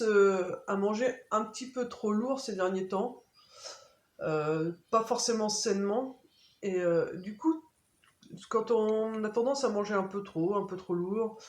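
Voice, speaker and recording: A woman giving an oracle card reading to her viewers in a gentle, soothing way, often pausing on fillers. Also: a little high. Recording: echoey room.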